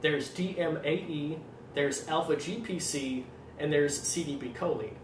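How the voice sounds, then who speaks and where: A man with an Arkansas accent explaining things informally as a trainer, in a fairly monotone voice with a slight tendency to stutter. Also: fairly high pitch, measured pace. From Arkansas, United States. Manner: self-described monotone delivery. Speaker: fitness trainer presenting supplement advice. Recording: roomy echo, distant mic, faint noise.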